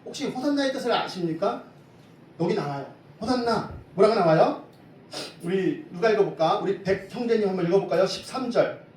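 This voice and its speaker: A man preaching a Sunday sermon as pastor, lively and often asking the congregation questions. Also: sits high, fairly quick. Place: church sanctuary. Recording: echoey hall from far off, faint hiss.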